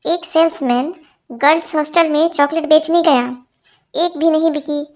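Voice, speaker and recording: A woman with a high voice reads a run of short jokes aloud. She slips into the quoted lines as she goes, keeping a quick joke-telling pace. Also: fairly even intonation, a little hiss or hum. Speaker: joke narrator.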